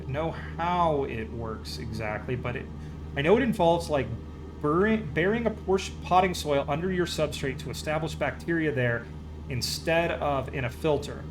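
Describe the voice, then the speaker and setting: Playing a flight game on a live stream, a man chats and rambles in a relaxed, excited way. His voice sits on the high side, and the background is noisy.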